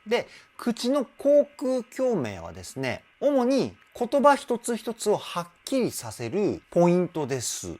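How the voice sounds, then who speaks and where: A man working as a vocal trainer, giving enthusiastic vocal analysis commentary and explaining clearly, with a song playing faintly behind him. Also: sits high, a little mellow. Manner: enthusiastic, explains with sung demonstrations.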